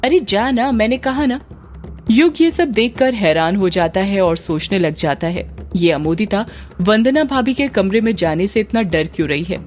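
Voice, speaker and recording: A woman reading a scripted story in a steady, descriptive way as a storyteller. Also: medium pitch, normal speed, few pauses, faint music behind.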